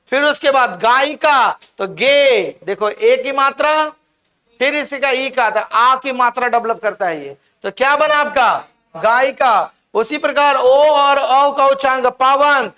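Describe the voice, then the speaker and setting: High, bright-voiced grammar teacher. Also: male voice. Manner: explains step by step, keeps asking the class questions. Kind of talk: classroom lecture.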